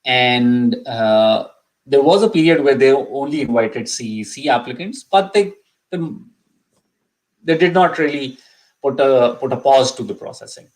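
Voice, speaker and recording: Expressive and a little slow, a medium-pitched middle-aged man, Urdu being his first language, runs a casual live immigration session with frequent ums and restarts. He sounds a little sick, coughing now and then, in a low-quality recording.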